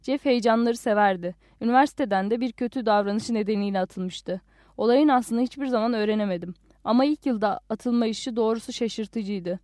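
A woman reading a literary audiobook aloud, in a calm and reflective first-person narration. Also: a little high, dry recording, studio quality.

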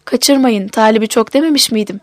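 An eager young car salesman from a storybook who fawns over his customer in a brisk, flattering way, as a woman reader puts him on. His voice sits fairly high. It is recorded close and dry. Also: no echo, close to an everyday voice. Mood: fawning.

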